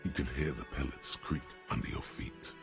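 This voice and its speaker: A brooding, omniscient narrator for a detective game. The voice is extremely deep and gravelly, reading measured, literary lines with ominous weight over soft music. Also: male voice.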